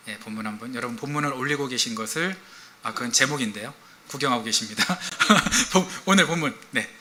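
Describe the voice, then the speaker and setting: Bright-voiced male pastor preaching with humor. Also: medium pitch, slight background noise. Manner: chatty, humorous preaching with questions to the congregation. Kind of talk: sermon.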